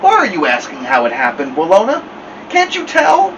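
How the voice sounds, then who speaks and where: A father teases his son in a joking, amused voice, as a man reading aloud puts him on. His pitch swings widely between lines. The sound comes from some distance, over an air conditioner's hum. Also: wildly swooping pitch, normal speed, fairly bright tone, dull audio, heavily acted. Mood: teasing. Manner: joking, dry teasing.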